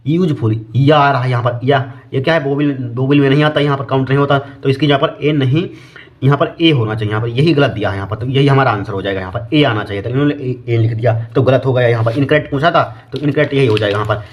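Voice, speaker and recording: A man walks students through an exam paper, forever asking his own questions and then answering them. His voice is mid-pitched and conversational. He slows right down to read the English questions word by word. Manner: repeats "here" and "okay" constantly, asks and answers his own questions. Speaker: teacher. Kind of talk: exam-prep lesson, solving a paper.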